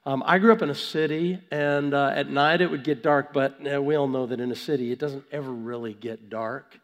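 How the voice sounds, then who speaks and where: A man preaching conversationally with a gravelly voice affected by a cold, halting and repeating words as he stresses his points. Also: medium pitch, fairly even intonation. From Vancouver, Canada. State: has a cold. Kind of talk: conversational sermon. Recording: long hall reverb.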